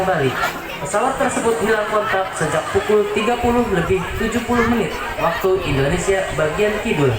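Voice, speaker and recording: A man reading comic parody news as a mock-serious announcer. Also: high-pitched. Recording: noisy, echoey recording with loud crowd. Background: loud crowd and noise.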